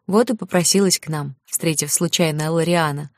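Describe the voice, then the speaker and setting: A woman with a fairly low voice reads a fantasy novel aloud, giving the girls' lines a light touch. The sound is close and dry, with no room around it. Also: normal speed, darkish tone, no echo. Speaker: audiobook narrator. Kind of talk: scripted narration.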